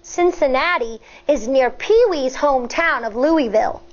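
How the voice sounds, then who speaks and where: Reading aloud to young listeners in the manner of an elementary school teacher, a high-voiced woman uses an expressive, deliberate delivery suited to storytelling and explanation. It's a children's read-aloud with teaching asides, and the recording is slightly dull and lo-fi.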